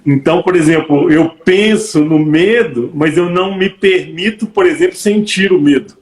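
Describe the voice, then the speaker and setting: A man with a fairly high voice speaks reflectively in an interview, rounding off his points with tag questions. The recording has a noticeable echoey room sound. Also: normal speed. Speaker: interview partner. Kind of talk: conversational explanation.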